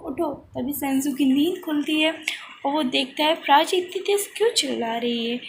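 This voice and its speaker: A woman tells a drama's plot in a casual, running recap. Her voice is high. A faint noise sits behind it. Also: low-quality recording. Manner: plain, running storytelling. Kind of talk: casual story recap narration.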